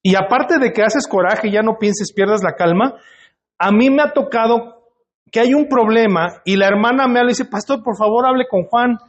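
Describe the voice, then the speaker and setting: High-voiced pastor preaching. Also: male voice, moderate pace, muffled recording. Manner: conversational preaching, asks the congregation questions. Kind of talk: sermon. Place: church hall.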